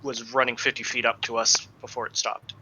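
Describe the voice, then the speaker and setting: Bright-voiced easygoing tabletop player. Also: male voice, mid-range voice, level tone, brisk, husky, low-quality recording. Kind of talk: casual tabletop play.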